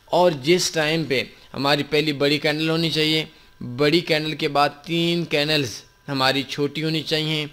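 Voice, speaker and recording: A forex trading instructor with a fairly high, fairly bright and clean voice and fairly even intonation explains a chart step by step in a screen-recorded tutorial. He proceeds with patient repetition mixed in.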